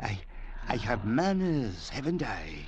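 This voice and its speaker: Nasty mock-polite castaway in a radio drama, slow n menacing, slight background noise. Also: male voice, medium pitch, very animated, muffled recording. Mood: gloating. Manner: sardonic, menacing, volatile. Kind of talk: theatrical drama acting.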